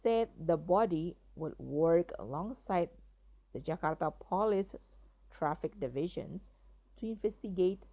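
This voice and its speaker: Indonesian-accented woman reading news, crisp bright edge. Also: lowish voice, animated, measured pace, dull audio. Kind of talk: reading a news article aloud.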